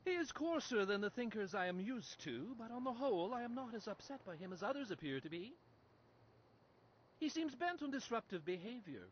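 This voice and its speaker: A man's voice: high voice, very animated, fairly quick, a little hiss or hum. A man voicing an eager, friendly scholar judge who talks with cheerful enthusiasm. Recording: dull lo-fi game audio.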